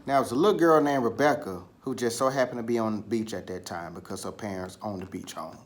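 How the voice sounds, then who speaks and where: Speaking quickly in a fairly low voice, a man reads children's stories aloud and retells them. He talks straight to the kids and puts questions to them.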